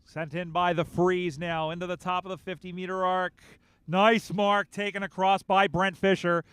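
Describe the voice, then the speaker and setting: A male play-by-play commentator calls a football match live, his voice smooth and crisp with little pitch movement. He sounds close and dry on his commentary mic, and he gets louder when the big plays land. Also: no room sound. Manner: rapid play-by-play, rising excitement on big plays. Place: outdoor sports field.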